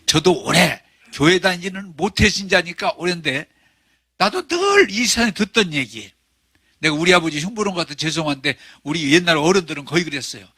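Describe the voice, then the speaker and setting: Animated, bright-voiced male pastor preaching. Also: sits high, fairly quick, breathy edge, dry recording, clean studio sound. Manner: animated, rhetorical questions, acts out voices. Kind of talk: sermon.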